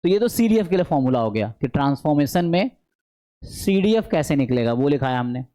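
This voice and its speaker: Dark-voiced man teaching statistics. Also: on the high side, big pitch swings, brisk. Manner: explains step by step, checks in with "है ना"; mixes English math terms into speech. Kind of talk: online lecture at a board.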